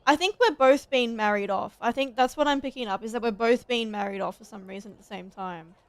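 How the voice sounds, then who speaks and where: A young woman streaming a fantasy game, excitable, swearing and laughing as she comments. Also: on the high side, a little fast, dry recording. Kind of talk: gameplay commentary.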